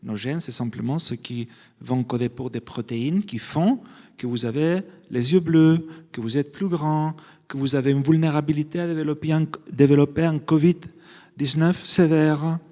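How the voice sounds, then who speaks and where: A geneticist on a public debate panel explains his field in French, which isn't his first language, occasionally stumbling and repeating words. His voice is on the high side with a dark tone and a normal speed, and the hall sounds reverberant.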